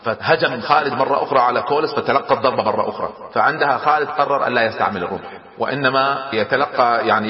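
A man telling a historical story in a lively, dramatic way, often chuckling. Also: medium pitch. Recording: echoey hall, dull lo-fi sound.

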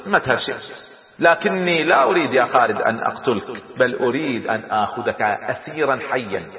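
A man's voice: mid-range voice, lively intonation, fairly quick, natural voice. A man voicing a boastful, proud male Roman army commander with a haughty, taunting manner. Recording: echoey hall, dull lo-fi sound.

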